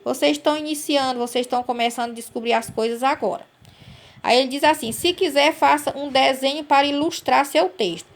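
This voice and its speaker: Fairly quick and high-voiced, a female teacher records a lesson for young pupils. She is patient, goes step by step, and checks in with "right?" by asking "certo?" and "né?".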